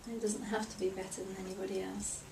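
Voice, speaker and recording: A woman with a medium-pitched voice speaks as a therapy client, echoing phrases and reflecting on them. She sounds distant in a reverberant room with clear background noise. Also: level tone, fast. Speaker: client in a tapping therapy session. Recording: echoey room, far from mic, noisy.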